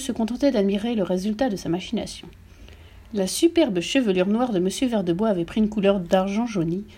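A woman narrating a children's audiobook in a lively, expressive way. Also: mid-range voice, breathy edge.

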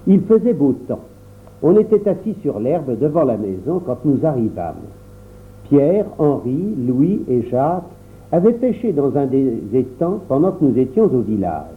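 A man narrating a children's novel aloud in a measured storytelling manner. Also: mid-range voice, sing-song, slight background noise. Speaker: audiobook narrator. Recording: tinny phone-like sound.

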